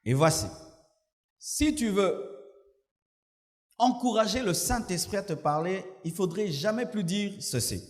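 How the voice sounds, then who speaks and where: A male pastor preaching a sermon, moving between calm teaching and loud, laughing mimicry. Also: sits high, a little slow, pauses often. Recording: long hall reverb.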